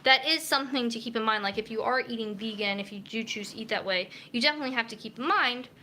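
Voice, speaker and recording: A woman's voice: a little high, fast, bright, forceful tone, a little hiss or hum. A young woman, a dietitian, chatting casually on a live cooking stream, reading viewer comments aloud as she chops vegetables in her kitchen. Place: home kitchen.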